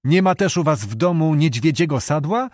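A man's voice: fairly high pitch, expressive, normal speed, dry recording, clean studio sound, pitched above the performer's own voice, natural voice. A man playing an earnest young knight.

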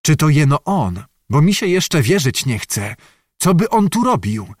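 Guy doing a steady firm young officer, fairly high voice, dry close sound. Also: measured pace, no room sound.

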